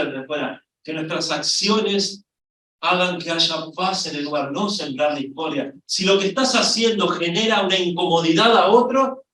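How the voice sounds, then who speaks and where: A middle-aged man with an Argentine accent preaching a sermon, telling a story with lively rises in his voice. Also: fairly high pitch. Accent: Argentine Spanish. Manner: storytelling, lively, voice rising when excited. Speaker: pastor. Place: church hall. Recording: echoey church from far off.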